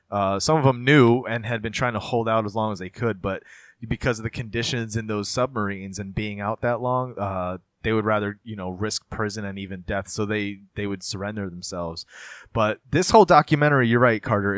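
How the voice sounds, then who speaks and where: A man in his thirties with a lowish voice, talking casually and wandering through long explanations. His voice is recorded very dry and close, with no room sound. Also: a bit bright, no echo. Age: 30s. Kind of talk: casual chat.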